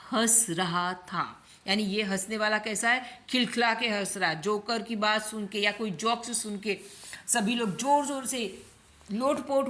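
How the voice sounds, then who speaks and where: A woman teaching English grammar, slowly repeating each example sentence and explaining it. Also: fairly high pitch, a bit bright.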